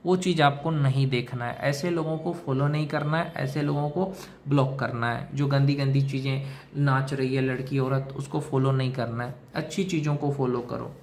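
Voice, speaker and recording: A man's voice: mid-range voice, steady tone, normal speed, slight background noise. A man giving a direct-to-camera advice monologue, lecturing in a repetitive way and talking to the listener like a brother. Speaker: self-help video host.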